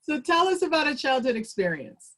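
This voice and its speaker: A woman with a fairly high voice runs a virtual group exercise over a video call. She is chatty and upbeat and laughs easily as she draws people out. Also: sing-song, fairly quick, a bit bright. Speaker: workshop presenter.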